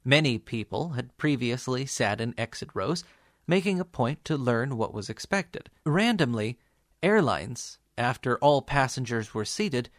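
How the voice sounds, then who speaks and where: A man's voice: mid-range voice, lively intonation, a little slow, no echo. Dry, close-recorded man narrating a documentary.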